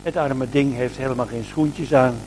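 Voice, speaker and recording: A man voicing a kind, gentle old shoemaker who speaks softly in a storybook. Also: mid-range voice, fairly even intonation, moderate pace, soft background music, close to an everyday voice. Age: older. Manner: soft-spoken, gentle.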